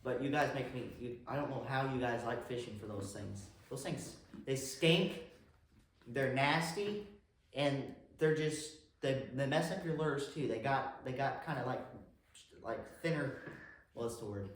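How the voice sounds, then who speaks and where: A man's voice: medium pitch, measured pace. Casual male co-host, rambling and unpolished, very roomy echo. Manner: rambling, restarts, searching for words. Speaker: podcast co-host. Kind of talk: casual podcast chat. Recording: very echoey room with faint noise.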